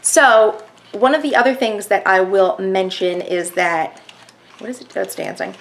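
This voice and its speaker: A young woman vlogger chatting casually while reviewing a toy, soft-spoken with many fillers, recorded at home on a camera mic. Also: medium pitch, a little slow.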